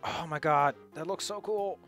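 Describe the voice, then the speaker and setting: A man's voice: on the high side, moderate pace, fairly bright tone, faint music behind. A man running a tabletop game as game master, talking casually with his players.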